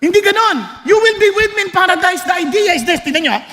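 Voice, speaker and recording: A Filipino man preaching a sermon as pastor, animated and joking, shouting for emphasis. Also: very high-pitched, fast, in a large hall.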